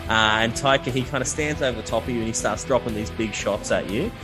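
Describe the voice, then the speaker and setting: A man's voice: medium pitch, fast talker, music in the background. A man running a tabletop game as game master, telling the action in a loose, casual way with many fillers.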